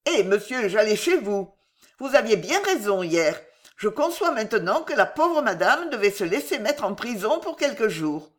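Une femme qui joue une jeune femme de chambre rusée, volubile et enjôleuse, qui plaide avec aplomb. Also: female voice, medium pitch, big pitch swings, normal speed, close to an everyday voice. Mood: enjôleur. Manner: voluble, wheedling, theatrical. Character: young cunning female chambermaid, glib and persuasive.

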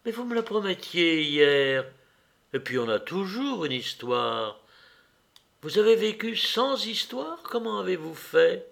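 A man reading aloud as a curious, lonely young woman in a story, slow and questioning, with a gravelly voice. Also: sits high, sing-song, a bit bright, voice pushed up, full character voice.

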